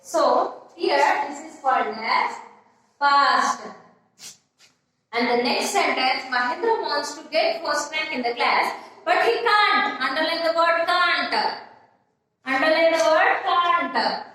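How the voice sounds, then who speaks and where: A woman's voice: high voice, slow pace, pushed and bright. A woman teaching an English grammar lesson, repeating points, spelling words out letter by letter and checking with "yes?". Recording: echoey room, voice from far off.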